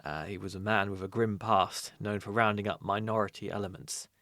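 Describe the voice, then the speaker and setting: A man co-hosting a history podcast, narrating events in a steady, measured way. His voice sits fairly low. The sound is dry and close. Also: no echo. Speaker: podcast co-host. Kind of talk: reading history notes in casual podcast.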